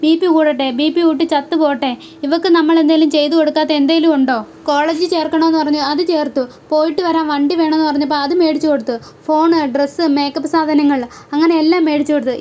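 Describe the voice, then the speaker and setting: Woman playing an enraged middle-aged mum, bitter and loud, high voice. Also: fairly even intonation, fast talker, natural voice. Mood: furious. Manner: shouting and bitter. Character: furious middle-aged mother scolding daughter.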